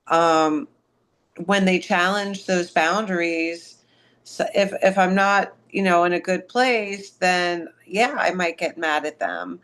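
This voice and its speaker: A middle-aged woman reflecting on her own life in a class discussion, halting as she searches for words. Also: lowish voice. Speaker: class participant.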